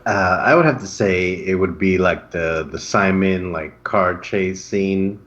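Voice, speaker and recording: Co-host, male, very low voice, halting answers, slightly muffled audio. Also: fairly bright tone. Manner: hesitant, fills pauses with uh. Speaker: podcast co-host. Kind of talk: casual film review chat.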